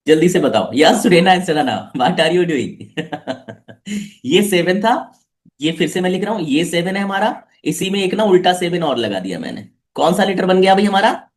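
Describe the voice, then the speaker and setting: A man's voice: high voice, very animated, fairly quick, hardly any pauses. A man teaching a live online class for children, coaxing them with repeated questions.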